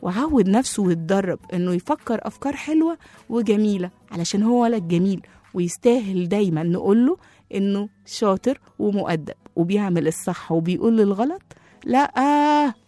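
A woman with an Egyptian accent narrating a children's story, lively and talking to young listeners. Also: medium pitch, a little fast, no echo. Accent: Egyptian Arabic.

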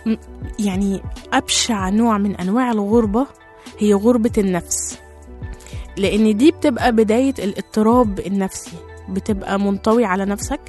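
A woman with an Egyptian Arabic accent hosting a radio show, slightly hoarse after a cold, chatting casually with many fillers. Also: medium pitch. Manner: chatty, warm greetings to listeners, many fillers. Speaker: radio host.

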